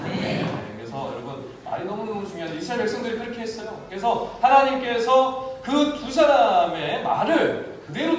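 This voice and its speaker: Animated Korean pastor in echoey church. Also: male voice, high-pitched. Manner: animated preaching, acts out voices of the people and God. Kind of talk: sermon. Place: church sanctuary. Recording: very echoey church hall, mic from a distance, faint noise.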